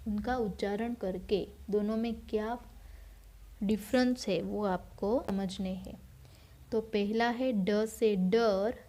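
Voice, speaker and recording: A woman's voice: mid-range voice, mellow. A woman teacher giving a recorded lesson to young children, patiently repeating words and asking questions that she then answers herself. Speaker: school teacher.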